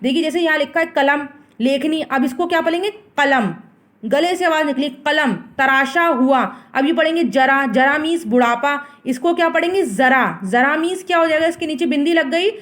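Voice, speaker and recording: A woman's voice: high voice, a little fast. A woman teacher explaining grammar to children, asking questions and answering them herself while she mixes in English words. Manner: asks the class questions and answers them herself, repeats each word.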